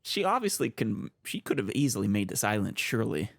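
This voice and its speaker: A woman gives casual gameplay commentary, thinking out loud. Her voice is very deep and creaky, recorded dry and close. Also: sing-song, a little fast, no room sound. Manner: musing aloud, reactive. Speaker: let's player.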